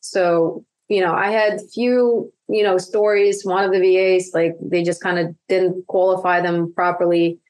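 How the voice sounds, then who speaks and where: A woman's voice: on the low side, fairly even intonation, unhurried, hardly any pauses, a little mellow. A woman being interviewed on a podcast, chatting with lots of fillers and restarts. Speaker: guest, virtual assistant business owner.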